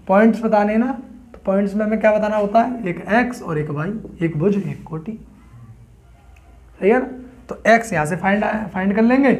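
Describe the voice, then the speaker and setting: Male math tutor, fairly high voice, step-by-step classroom explaining. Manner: explains step by step, asks students questions. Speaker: math teacher.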